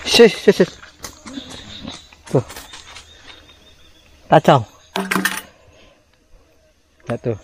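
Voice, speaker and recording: A man's voice: fairly high pitch, very animated, very slow, long pauses. A man in his thirties chatting casually to viewers while camping by a river in a forest. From Indonesia. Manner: chatty, addresses viewers as guys. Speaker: vlogger. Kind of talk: casual outdoor vlog talk. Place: forest camp by a river, outdoors.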